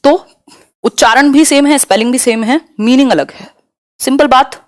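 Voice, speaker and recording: A young woman with a fairly high voice runs a live online exam-prep lesson. She explains each term step by step, mixing in English words, and slows right down when she reads a question out. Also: no room sound, studio quality. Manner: explains in Hindi mixed with English terms, slows to read questions aloud. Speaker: teacher.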